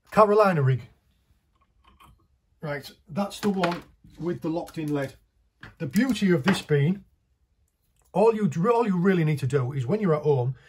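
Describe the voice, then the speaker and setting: A man's voice: fairly high pitch, a little mellow, a little hiss or hum. A man, casually talking through a hands-on fishing tutorial while he works, in a small indoor workshop. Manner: chatty, practical, talks while working with his hands.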